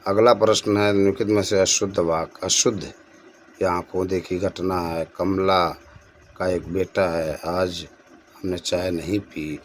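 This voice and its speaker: A man's voice: deep voice, fairly even intonation, a little slow, slight background noise. A man hosting his own channel, teaching an exam-prep language lesson and explaining each answer by repeating the correct form. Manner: addresses viewers as friends.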